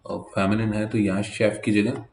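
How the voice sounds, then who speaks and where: A man teaching a German vocabulary lesson in at a whiteboard, slowly spelling out each word letter by letter. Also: lowish voice, little pitch movement, creaky, a little mellow, echoey room. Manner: slow, spells words letter by letter. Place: classroom with whiteboard.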